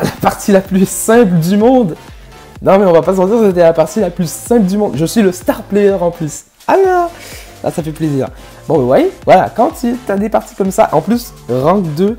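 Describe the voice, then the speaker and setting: A man giving live gameplay commentary, swearing often and swinging from low mutters to loud yells. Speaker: gaming YouTuber.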